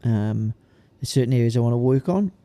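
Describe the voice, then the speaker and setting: Young male, Welsh Valleys accent, dark soft-edged voice, laddish casual podcast chat. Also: medium pitch, animated, fairly quick. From South Wales valleys. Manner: laddish, sweary, colloquial. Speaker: podcast co-host, amateur bodybuilder.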